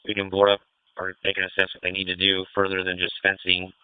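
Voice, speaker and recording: A man's voice: low-pitched, monotone, quick pace, clean tone, dry recording. A man acting as fire incident commander, giving clipped, procedural orders over a two-way radio. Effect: two-way radio transmission. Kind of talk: fireground radio traffic. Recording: tinny narrow-band radio audio.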